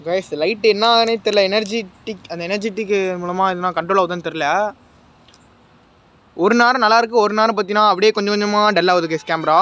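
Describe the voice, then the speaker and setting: A jittery man on a ghost-hunting vlog, his voice high and bright as he talks to camera. He keeps calling out nervously to unseen spirits, and his fear shows in every line. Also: quick pace. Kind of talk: night-time ghost-hunt vlog, talking to camera.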